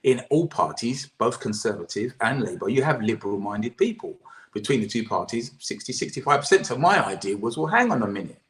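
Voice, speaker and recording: Over a rough video-call recording, a man who chairs a political campaign group responds to an interviewer with earnest animation. He speaks fairly quickly in a medium, fairly bright voice, restarting sentences and letting thoughts trail off with "et cetera."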